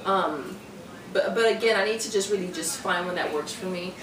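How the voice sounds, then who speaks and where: A young fitness vlogger chats casually about meal prep in her home kitchen, her voice on the low side at a moderate pace. She uses lots of fillers and restarts. The audio comes from a camera on the counter a few feet away, so it sounds roomy, distant and noisy.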